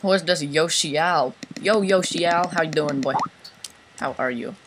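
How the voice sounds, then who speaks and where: A man's voice: a little high, measured pace, background noise. A man chatting casually while playing a game, joking around and chanting "bruh". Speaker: gamer. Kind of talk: casual gaming chat.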